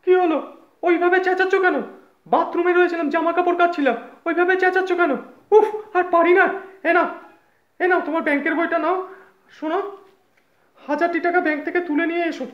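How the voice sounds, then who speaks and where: A man voicing a nagging, exasperated young housewife in a comedy sketch, scolding fast and shrilly. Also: extremely high pitch, little pitch movement, voice pushed up. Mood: irritated scolding. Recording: echoey room, slightly dull sound.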